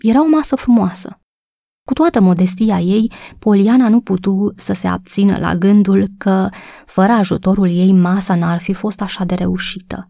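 Woman audiobook narrator, steady storytelling, warm tone, dry sound. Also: mid-range voice, dry recording.

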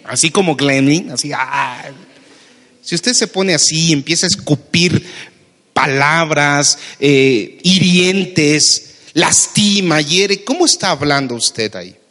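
A man's voice: a little high, expressive, slow pace, bright, forceful tone. A Mexican man preaching a sermon as pastor, asking his listeners questions and calling them brother. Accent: Mexican Spanish. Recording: long hall reverb.

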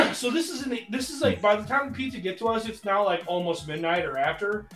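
Casual male podcast co-host, higher voice, rambling storyteller, echoey room with faint music. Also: brisk. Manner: rambling, animated, many fillers.

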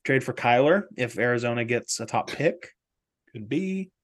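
A man's voice: medium pitch, lively intonation, moderate pace. Joking young man co-hosting a podcast. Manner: joking, rambling, trailing off into fillers. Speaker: podcast co-host. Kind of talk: casual sports chat.

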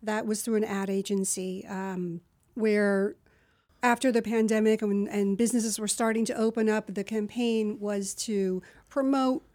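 A woman's voice: medium pitch, steady tone, measured pace, darkish tone, no room sound. Woman voiceover artist guest, from New Jersey, chatty and rambling, dry. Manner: chatty, rambling, many asides. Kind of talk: casual interview chat.

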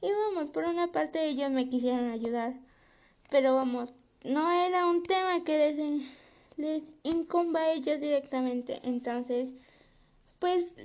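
A young woman tells a story on her podcast, her voice pitched a little high. Her tone is mellow and warm, and she keeps it loose and chatty, with laughter slipping into her talk. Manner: chatty, laughs while telling. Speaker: podcast host. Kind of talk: casual storytelling monologue.

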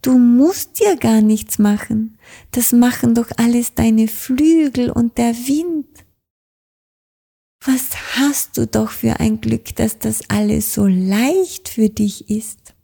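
A woman's voice: fairly high pitch, slow, gravelly, dark tone, pitched above the performer's own voice, exaggerated voice. A woman voicing a cheerful, encouraging little witch in a children's audiobook, urging a friend on eagerly. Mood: excited, encouraging.

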